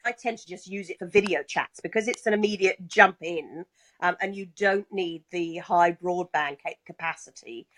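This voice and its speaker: A woman's voice: lowish voice, moderate pace, fairly bright tone, rough recording. A woman chatting casually and politely as a guest on a live online show, putting questions to the host. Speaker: guest relaying community questions. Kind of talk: casual chat. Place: live video call.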